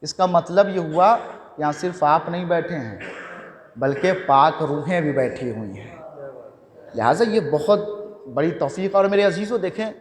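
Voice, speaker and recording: A man's voice: on the high side, animated. A man preaching a sermon at a mourning gathering, repeating phrases in a call-and-response style in a mosque hall. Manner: repetitive call-and-response preaching, climbing to shouts. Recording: echoey hall with long reverb.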